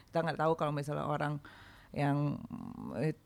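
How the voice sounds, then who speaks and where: A woman's voice: low-pitched, flat delivery, normal speed, vocal fry. A woman performer chatting casually, telling candid stories with slang and fillers. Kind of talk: casual podcast chat.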